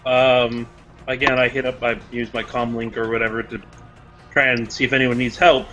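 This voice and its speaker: A man's voice: mid-range voice, level tone, moderate pace, fairly bright tone, highs cut off, faint music behind. A man playing a tabletop role-playing game, joking and talking through his character's actions. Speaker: player. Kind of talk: casual tabletop role-play chat.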